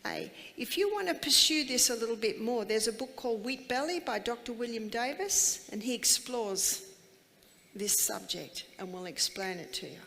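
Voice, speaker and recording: A woman's voice: on the high side, lively intonation, normal speed, creaky, bright, forceful tone. Emphatic woman lecturing in a hall. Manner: emphatic, asks many rhetorical questions. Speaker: health educator giving a seminar. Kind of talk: live lecture to an audience.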